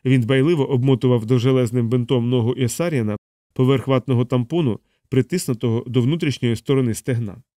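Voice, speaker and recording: A man's voice: mid-range voice, fast talker, warm tone, no echo. Male audiobook narrator, dry close sound. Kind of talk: scripted narration.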